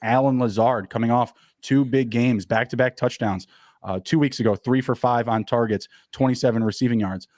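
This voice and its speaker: A man co-hosting a casual fantasy football podcast, rattling off stats quickly with plenty of fillers. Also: medium pitch, fairly even intonation, darkish tone, no room sound, clean studio sound. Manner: quick, upbeat, stat-heavy talk with fillers. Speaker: podcast co-host.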